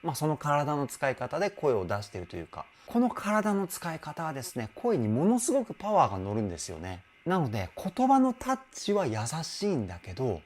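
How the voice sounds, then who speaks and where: A man's voice: a little high, wildly swooping pitch, brisk, hardly any pauses. A man working as a vocal coach, giving enthusiastic commentary that analyses a song's vocals and demonstrating sounds with his own voice.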